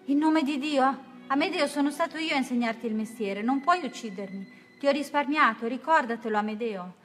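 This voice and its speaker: A woman's voice: sits high, moderate pace, bright, forceful tone, faint music behind, voice pushed up. A woman playing a cowardly pleading pirate captain. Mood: desperate. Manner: pleading, fawning.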